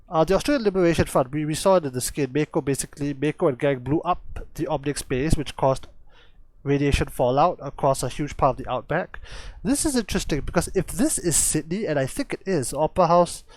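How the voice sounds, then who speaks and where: A man hosting a comic lore breakdown, rambling and thinking aloud as he corrects himself. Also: on the high side. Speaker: host.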